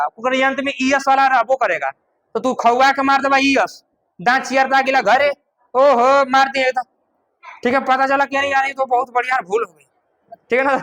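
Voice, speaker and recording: A male teacher explains a grammar rule in small steps. His voice is high and bright. He repeats key words and keeps asking if the class has understood. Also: rough recording.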